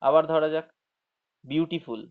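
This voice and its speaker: Patient man teaching an online class. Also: on the high side. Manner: explains slowly, checks understanding with frequent tag questions; drawls words out syllable by syllable when demonstrating. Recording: dull lo-fi audio.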